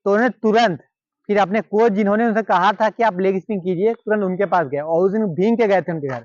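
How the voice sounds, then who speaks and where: A man with a Hindi-speaking Indian accent tells a cricketer's story, his high voice moving fast in a casual, repetitive, chatty way as he acts out the quoted lines. The recording is dry and the audio dull.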